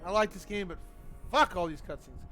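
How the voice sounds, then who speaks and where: Over video game music, a man chats informally while streaming a game live, rambling and swearing as he goes. He speaks fairly quickly in a high, bright voice with a forceful tone.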